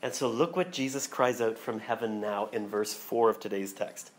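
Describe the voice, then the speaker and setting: A man, a pastor, preaching a sermon and reading scripture aloud with slow, dramatic emphasis. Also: fairly low pitch. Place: church hall.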